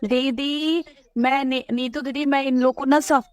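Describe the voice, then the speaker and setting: A woman on a recorded phone call, talking anxiously with many hurried restarts. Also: high-pitched, fairly even intonation, darkish tone. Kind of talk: worried phone conversation.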